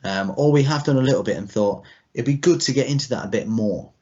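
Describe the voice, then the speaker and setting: Fast and husky, with a darkish tone and medium pitch, this podcast co-host in his thirties keeps the casual chat loose and rambling. The audio has a dull, lo-fi podcast quality.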